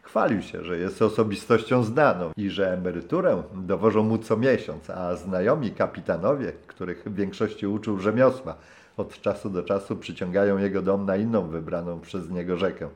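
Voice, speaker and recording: A man reading a travel memoir as an audiobook, in calm, measured narration. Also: sits low. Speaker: audiobook reader. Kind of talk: scripted narration.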